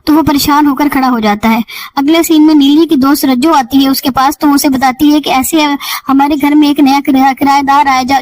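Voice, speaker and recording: A woman's voice: high voice, rough recording. A woman recapping a television drama in a casual spoken style, telling scene after scene plainly and sometimes restarting a word. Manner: retells scenes in plain storytelling tone with small restarts.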